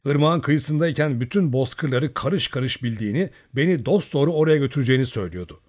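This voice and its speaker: A man's voice: mid-range voice, lively intonation, fast talker, a little mellow, voice pushed up, close to an everyday voice. A man voicing a cocky young Cossack. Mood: recounting. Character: cocky young male Cossack, easygoing leader.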